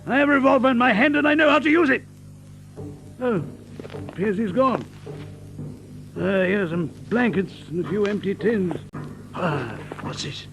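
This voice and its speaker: An actor playing an earnest, old-fashioned gentleman doctor in an audio drama, with a hesitant but determined manner. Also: high-pitched, low-quality recording. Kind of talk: audio drama acting and narration.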